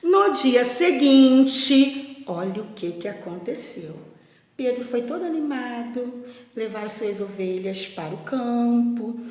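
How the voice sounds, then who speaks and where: A woman, a primary school teacher telling a story to children in a gentle, expressive way, often asking them questions. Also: on the high side, takes it slowly. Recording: echoey room with long reverb.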